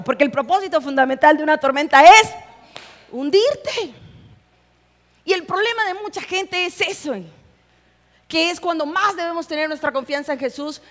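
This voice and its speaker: A young adult woman pastor giving an animated, humorous sermon, acting out the voices she quotes. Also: sits high. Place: church hall. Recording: live in a church with long reverb.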